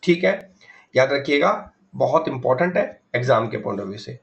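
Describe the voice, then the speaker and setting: A man's voice: medium pitch, expressive, moderate pace, gravelly, dull audio. A man teaching an exam revision lesson, asking questions and answering them himself, repeating key facts, mixing English words into his explanation. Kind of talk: MCQ revision lecture.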